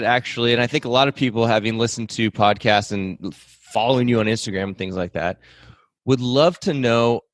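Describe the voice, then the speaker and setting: A man's voice: mid-range voice, dry recording. A man hosting a podcast interview, upbeat and friendly, often saying "man". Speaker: podcast host.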